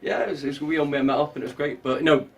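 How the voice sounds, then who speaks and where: Male actor guest, relaxed and halting, a little distant from the mic. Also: fairly high pitch. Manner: easygoing, halting, many fillers. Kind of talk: casual interview chat.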